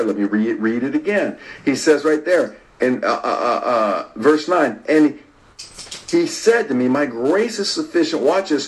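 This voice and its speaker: A man preaching a sermon, repeating phrases for emphasis and swinging between loud stress and near-whispers while talking to online viewers. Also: medium pitch, poor audio. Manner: repetitive and emphatic, rising to stress and dropping to a hush.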